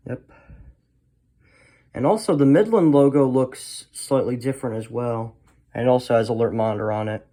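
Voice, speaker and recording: Speaking at normal speed with long pauses, this mellow, mid-range man presents a collector's video in easygoing show-and-tell style. He rambles and tends to leave his thoughts hanging.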